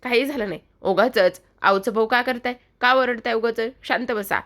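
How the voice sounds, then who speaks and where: A woman's voice: a little high, normal speed, a bit bright, voice pushed up. A woman voicing a stern male driving instructor who talks firmly.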